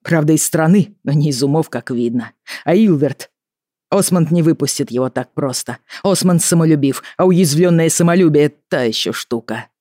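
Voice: mid-range voice, normal speed, mellow, dry recording, clean studio sound, close to an everyday voice. Grave weary father, as an audiobook reader voices him. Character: worried, stern middle-aged father, a lord. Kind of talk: audiobook character reading.

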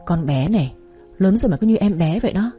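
A woman voicing a stern but caring grown man, an uncle who scolds his niece in a lowered voice. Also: animated, fast talker, mellow, faint music behind. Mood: chiding. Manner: gruff, scolding yet caring.

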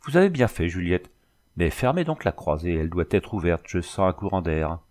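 Man playing a stern, brutal gentleman. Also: deep voice, expressive, a little fast. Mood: commanding. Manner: commanding, curt.

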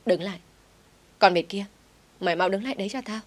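A woman's voice: medium pitch, fairly quick, natural voice. A woman reading an audio story, voicing a clumsy, pampered young woman who runs a company, talking in a whiny, pleading way. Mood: shouting.

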